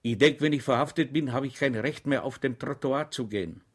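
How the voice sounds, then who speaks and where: A man's voice: mid-range voice, a little fast, breathy edge, lightly acted. A man voicing a simple, good-natured, chatty soldier in an audiobook, rambling with naive confidence. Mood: cheerful.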